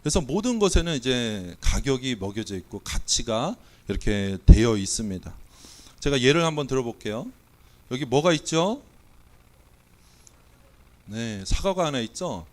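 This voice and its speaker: A Korean pastor with a cold, his voice not coming out well, preaches in a church sanctuary using a mid-range voice with big pitch swings, a moderate pace and long pauses. He playfully quizzes the congregation and runs a mock auction.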